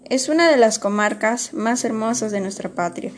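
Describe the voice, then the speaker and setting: A woman's voice: a little high, a little hiss or hum, close to an everyday voice. Woman reading as a solemn male schoolteacher. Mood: earnest. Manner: earnest speechmaking, measured and formal. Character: solemn, stern male schoolteacher, middle-aged.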